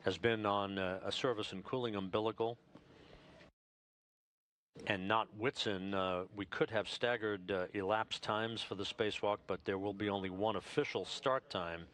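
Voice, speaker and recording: Low-voiced man giving halting mission control commentary. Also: fairly even intonation, a bit bright. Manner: halting, measured official announcing. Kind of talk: live spacewalk commentary.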